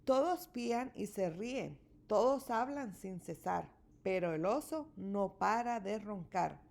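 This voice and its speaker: A woman reads a rhyming children's book aloud in a slow, lilting rhythm. Her voice sits fairly high and swings through a wide range, carrying a noticeable gravelly texture. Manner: expressive, rhythmic rhyming delivery. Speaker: storybook reader.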